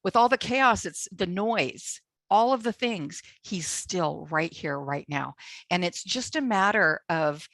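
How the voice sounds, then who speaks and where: Lower-voiced woman exhorting with rousing repetition. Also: animated, slow pace, fairly bright tone, no room sound. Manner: repetitive, rousing, addresses listeners directly. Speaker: Bible teacher and co-host. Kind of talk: preaching-style exhortation.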